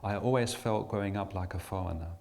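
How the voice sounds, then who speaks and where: A middle-aged Englishman, invited to speak, gives a reflective personal talk to an audience, frequently restarting sentences and using fillers. His voice sits on the low side and is fast, with vocal fry and a darkish tone.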